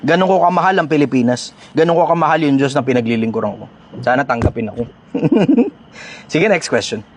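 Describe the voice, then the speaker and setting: A man's voice: mid-range voice, animated, a little fast, slight background noise. A middle-aged Filipino man hosting a casual question-and-answer talk, blunt and profane, repeating lines for emphasis. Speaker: host answering viewer questions.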